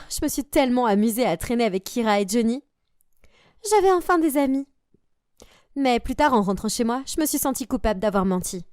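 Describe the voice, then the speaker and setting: A young woman narrating a story aloud in an animated, expressive way. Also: sits high, no echo, studio quality.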